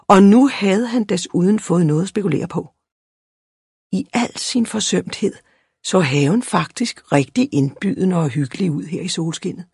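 A narrator giving an expressive, lively storybook reading aloud. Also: mid-range voice, breathy edge, dry recording, clean studio sound.

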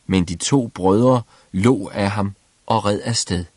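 A man reading a fairy tale aloud as storyteller, in a lively, expressive way. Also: fairly low pitch, husky, dry recording.

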